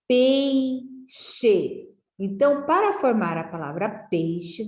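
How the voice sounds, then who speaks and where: A Brazilian woman teaching young children to read, drilling syllables slowly and asking them friendly questions. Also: mid-range voice, darkish tone. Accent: Brazilian Portuguese. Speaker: literacy teacher. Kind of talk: slow, clearly enunciated lesson for young children. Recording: echoey room.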